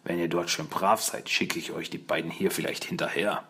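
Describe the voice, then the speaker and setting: A man voicing a cruel, gloating male villain in an audiobook, speaking slowly and with a sneer. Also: deep voice, steady tone, bright, forceful tone, breathy edge, heavily acted. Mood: gloating menace.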